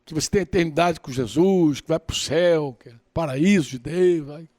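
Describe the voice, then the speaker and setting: A man preaching a sermon in a lively, colloquial way, acting out bits of dialogue. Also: fairly high pitch, normal speed, no room sound.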